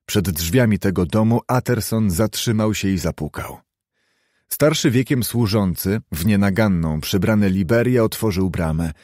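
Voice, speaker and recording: A man narrating a classic novel in an audiobook, reading at a measured, even pace. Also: lowish voice, no echo, studio quality. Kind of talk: scripted literary narration.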